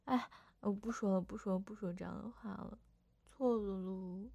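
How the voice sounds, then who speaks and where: A woman's voice: medium pitch, steady tone, normal speed, vocal fry, warm tone, no echo. A young woman voicing a playful older sister in a second-person audio role-play, whining and teasing coquettishly. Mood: pouty.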